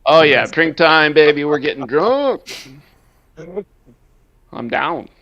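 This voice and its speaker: A man playing a tabletop game, chatting in an excitable, playful way. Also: on the high side, takes it slowly. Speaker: player. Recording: dull lo-fi audio.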